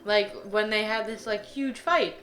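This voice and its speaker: A young woman co-hosting a casual chat with a bright, forceful voice at a middle pitch. She chimes in with short, dry remarks. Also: a little slow. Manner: brief, dry interjections. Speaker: co-host.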